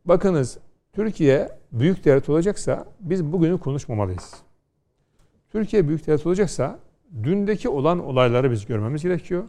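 A middle-aged man from Konya speaks as a law scholar on a panel. His voice sits a bit high but sounds dark and gravelly. He lectures and tells anecdotes, with rhetorical questions. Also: expressive, brisk. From Turkey, Konya. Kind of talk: studio panel discussion.

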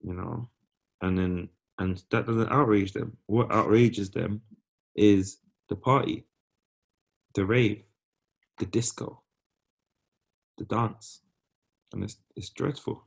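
A man with a fairly low voice shares opinions in a casual discussion. He is emphatic, breaking his points into short, firm phrases. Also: slow pace, vocal fry, long pauses, slightly rough, poor audio.

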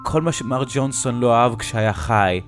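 A man narrating a horror story in a slow, dramatic storytelling manner. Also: mid-range voice, soft background music.

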